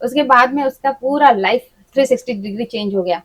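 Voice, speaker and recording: A woman's voice: fairly high pitch, brisk, low-quality recording. A woman astrologer, a podcast guest, speaking frankly in casual conversation and acting out what her clients tell her. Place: podcast studio.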